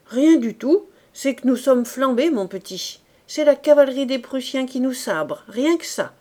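A loud, blunt canteen woman, as a woman storyteller puts her on, rough but motherly toward a young soldier. Her voice rides high and carries. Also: expressive, measured pace. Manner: shouting, rough familiar tone.

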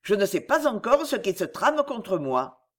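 A woman's voice: mid-range voice, sing-song, a little slow. A woman reading a storybook and voicing an anxious young man, earnest and worried. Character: anxious young man, a fashionable ruined suitor.

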